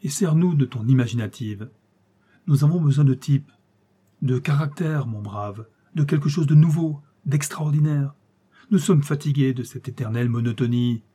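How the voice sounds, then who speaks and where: A man reading aloud who voices a cruel, boisterous tyrant king with loud, mocking commands. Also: mid-range voice, moderate pace, slightly rough, lightly acted. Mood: jovial mocking.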